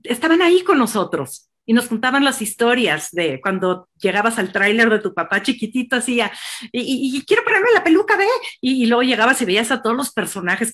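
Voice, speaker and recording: A woman's voice: medium pitch, a bit bright. A Mexican woman hosting a virtual book presentation, effusive and rambling, with many fillers. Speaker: host.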